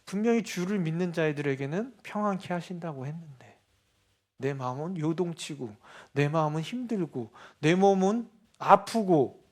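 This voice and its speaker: A male pastor preaching a sermon, asking the congregation rhetorical questions and swinging between soft asides and loud, emphatic declarations. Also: fairly high pitch, moderate pace.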